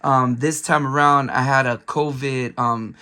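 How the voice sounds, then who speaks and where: A man's voice: mid-range voice, steady tone, unhurried, sharp tone, clean tone. A young man hosting a casual game-haul vlog, his voice worn from a cold, rambling with lots of fillers. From Bay Area, California. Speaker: video game collector vlogger.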